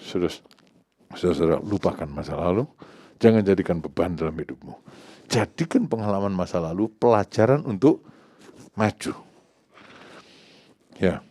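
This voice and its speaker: Low-voiced Indonesian man preaching emphatically. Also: lively intonation, normal speed, pauses often, no echo. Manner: swings between loud emphatic peaks and low quiet asides; addresses the congregation repeatedly as "saudara". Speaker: pastor. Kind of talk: sermon.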